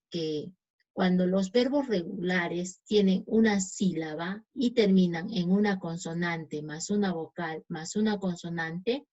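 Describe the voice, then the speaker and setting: Woman, native Spanish speaker, unhurried English teacher who checks in often; muffled lo-fi recording. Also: mid-range voice. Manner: slow, reads English examples deliberately, checks in with "¿sí?". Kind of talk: explaining grammar to students. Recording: dull lo-fi sound.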